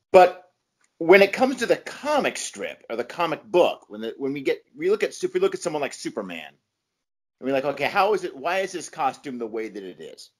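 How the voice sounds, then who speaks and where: A man speaking informally as an expert podcast guest, explaining with emphasis and often checking in with a questioning tag. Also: mid-range voice. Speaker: podcast guest, comics scholar and author. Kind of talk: informal explanatory interview talk.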